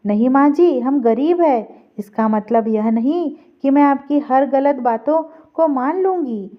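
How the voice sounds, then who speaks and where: A young, educated bride from an audio story who speaks firmly and resolutely, read by a woman. The voice is high. The recording is dull and lo-fi. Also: lively intonation, a little slow. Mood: defiant. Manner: firm, resolute.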